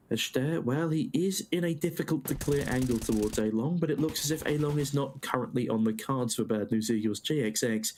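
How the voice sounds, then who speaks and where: Guy casting esports, medium pitch voice, wordy playful play-by-play, some clicky noise on it. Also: darkish tone. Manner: florid, playful turns of phrase. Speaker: esports caster. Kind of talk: descriptive play-by-play esports commentary.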